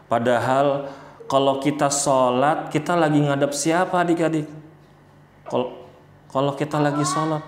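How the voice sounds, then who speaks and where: A man teaching young children about the Quran in a playful way, speaking to them directly and acting out examples. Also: on the high side. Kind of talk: children's religious lesson. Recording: roomy echo.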